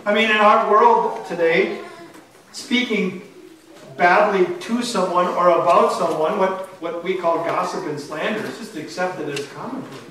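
A pastor preaching a sermon in a church sanctuary, earnest and emphatic, often asking the congregation rhetorical questions. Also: male voice, sits high, unhurried, sharp tone, slight background noise. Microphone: far camera. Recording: echoey church from far off.

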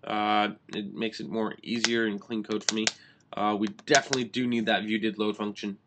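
A young man hosting a screen-recorded coding tutorial, talking quickly with constant "uh" fillers. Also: fairly low pitch, flat delivery, background noise. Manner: fast, filler-heavy explaining with many "uh"s. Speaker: app developer tutorial host.

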